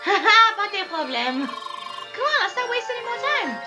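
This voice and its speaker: A woman voicing an excitable young French girl with a put-on French accent, high and gushing. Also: normal speed. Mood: playful. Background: loud game music.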